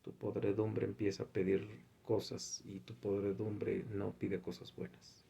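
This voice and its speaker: Low gravelly man reading scripture. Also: completely flat delivery, measured pace, dark tone, slight background noise. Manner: conversational, reads scripture aloud and comments. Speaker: preacher. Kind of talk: informal Bible teaching.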